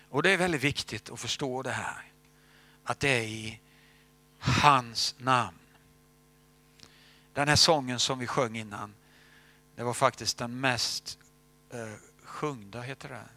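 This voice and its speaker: A man giving a sermon in a gravelly, husky voice. His tone is bright and pointed, and he tells stories, sinking into hushed whispers when he reaches the weighty parts. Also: medium pitch. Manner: storytelling, drops to hushed whispers at key moments. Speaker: preacher. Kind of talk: sermon testimony.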